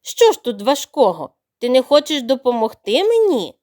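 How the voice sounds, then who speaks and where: A woman voicing a greedy male crocodile in a storybook, moaning and wailing in long, drawn-out groans. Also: high voice, big pitch swings, dark tone. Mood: greedy, cross.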